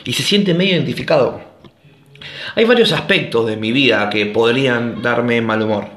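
A podcast host with an Argentine Rioplatense Spanish accent rambles through a casual solo monologue, tossing in sarcastic, joking asides. His mid-range voice sounds a bit bright and moves at a moderate pace. The recording has a roomy quality.

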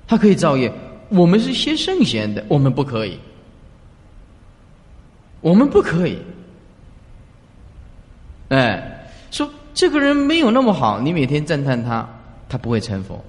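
A man delivers an earnest Buddhist dharma talk, exhorting his audience and posing rhetorical questions. His voice sits a bit high and swings animatedly up and down. A long hall reverb trails after his words. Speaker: Buddhist teacher.

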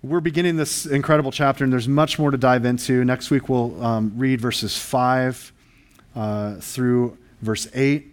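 A man's voice: mid-range voice, steady tone, a little slow. A male pastor preaching a sermon, earnest and emphatic, asking the congregation rhetorical questions.

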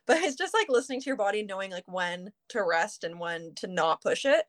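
A Canadian singer in her early twenties chats casually as an interview guest, filling the gaps between phrases with "like." Her medium-pitched voice is animated, brisk and fairly bright.

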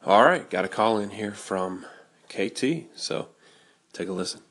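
A man hosting a casual podcast, talking in a nasal, raspy voice, rambling with fillers and restarts. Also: fairly low pitch, lively intonation, measured pace, fairly bright tone, dry recording. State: hoarse. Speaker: podcast host. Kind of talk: casual solo talk.

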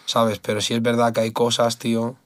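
Man, fighter guest, blunt casual talk, dry close sound, middle pitch. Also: completely flat delivery, a little fast, clear, resonant tone, dry recording. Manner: candid and blunt, swears often, says "tío" and "¿sabes?" a lot. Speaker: MMA fighter, podcast guest.

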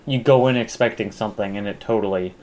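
A man's voice: lowish voice, fast, darkish tone. A young man chatting casually as a podcast co-host, rambling with lots of fillers and restarts. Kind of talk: casual chat.

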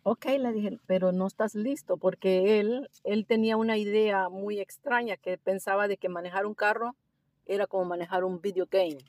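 A woman recounts a story from her work as a driving instructor in a relaxed interview. She talks with lively animation and slides English phrases into her Spanish. The sound is close and dry. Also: mid-range voice, normal speed, no echo.

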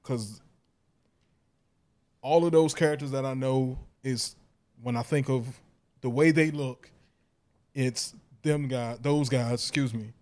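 A man co-hosting a comics podcast, talking in a halting way with restarts. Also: medium pitch, fairly even intonation, a little mellow. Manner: halting, restarts and self-corrections. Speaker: podcast co-host. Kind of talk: casual chat.

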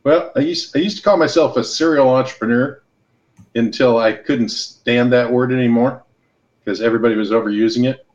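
Plain talk and anecdotes carry this casual podcast interview, where a middle-aged American man from Los Angeles and Hawaii explains business. His mid-range voice is brisk and a little mellow, heard through a muffled recording.

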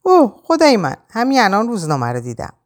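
A woman narrator voicing an excitable, chatty female friend who gushes eagerly. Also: mid-range voice, voice pushed up. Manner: gushing, eager.

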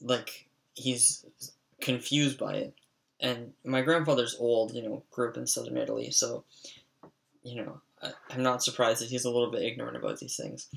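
Gravelly young man telling rambling stories. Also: mid-range voice, fairly bright tone. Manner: profane, rambling, full of "like" fillers. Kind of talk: casual storytelling monologue.

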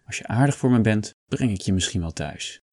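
A man's voice: lowish voice, expressive, a little fast, a little mellow, no room sound, studio quality. A man doing a sneering red-haired slaver. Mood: sly. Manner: sneering, sly. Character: mocking red-haired slaver, sly and leering.

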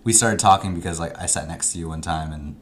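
A man's voice: low voice, a little hiss or hum. A young man from California, a podcast guest, chatting casually with lots of ums and likes. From California, USA. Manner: halting, laughing, full of ums and likes. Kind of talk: casual chat.

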